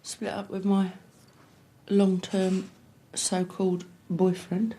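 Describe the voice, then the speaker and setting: A woman, the subject of a candid documentary interview, bluntly recounts a breakup, swearing and acting out the exchanges that were said. Her mid-range voice is monotone, slow, and dark in tone.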